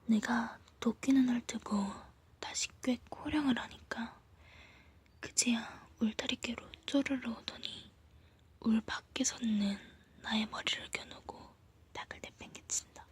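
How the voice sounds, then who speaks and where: Woman, whispered ASMR story reading, leaning in to whisper, very breathy and unvoiced, hushed and soft. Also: on the high side, fairly even intonation, measured pace. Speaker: ASMR reader.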